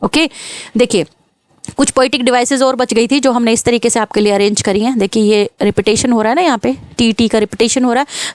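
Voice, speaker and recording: A woman teaching poetry for exam prep, explaining patiently, mixing English terms into her talk and reading quoted lines slowly. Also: a little high, dry recording. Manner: explains patiently, checks in with "ok" and "clear"; mixes English terms into Hindi. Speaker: literature teacher.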